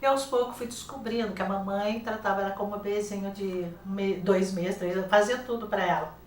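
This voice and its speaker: In a casual TV studio interview, the guest, an older teacher and author with a Brazilian Portuguese accent, acts out dialogue from her classroom stories with lively energy. Her voice is medium-pitched and a little fast, recorded from a distance with a roomy, off-mic feel.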